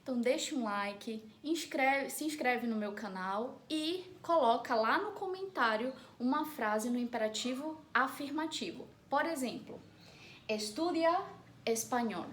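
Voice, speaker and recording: A woman's voice: high voice, animated, measured pace, hardly any pauses, a bit bright. Brazilian woman teaching an online class. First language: Portuguese. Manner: explains step by step, often checks with "ok?" and "né?". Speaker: Spanish teacher.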